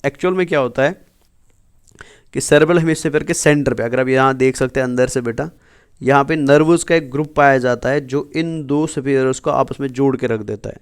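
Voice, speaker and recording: A man gives a biology lesson in a smooth, clear voice. He walks his students through the material, poses questions and answers them himself, and slips English terms and whole sentences into his speech. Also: mid-range voice, brisk. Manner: keeps asking and answering his own questions, calls students "beta". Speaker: biology teacher. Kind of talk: exam-prep lecture over slides.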